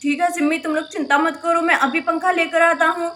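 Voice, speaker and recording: A woman voicing a patient grown brother in a village family, in a doll-play story, speaking lower than her own voice and calmly reassuring. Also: brisk. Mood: soothing. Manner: reassuring, making excuses.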